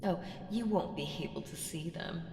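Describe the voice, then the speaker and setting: A woman with a fairly low, gravelly, somewhat dark voice speaks at a moderate pace, playing an ancient evil entity in an ASMR roleplay audio drama. She sounds seductive, sly and taunting, coaxing and ominous, teasing and whispering some phrases. The recording carries a reverberant hall effect and faint noise.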